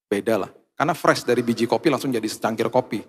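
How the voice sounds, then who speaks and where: A man's voice: medium pitch, fast talker, breathy edge, long reverb tail. A man preaching as a pastor, telling a story with acted dialogue and then leading a fervent prayer. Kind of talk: sermon.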